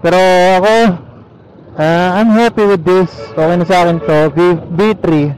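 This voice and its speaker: A high-pitched, slightly mellow male voice at normal speed belongs to a motorcycle vlogger with a Filipino accent. He chats casually while riding, code-switching in easygoing Taglish from inside his helmet. Recorded on a helmet intercom or action camera mic, the low-quality audio includes engine and road noise.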